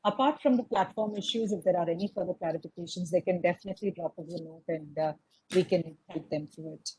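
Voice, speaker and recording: A woman's voice: lowish voice, fast, warm tone, breathy edge, low-quality recording. A woman moderating a webinar over a video call, polite and reassuring, with fillers.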